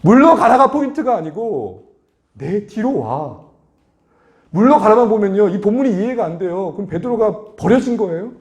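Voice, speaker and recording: A male pastor preaching a sermon, asking the congregation questions and building to animated emphasis. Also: high-pitched, brisk, roomy sound. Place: church sanctuary.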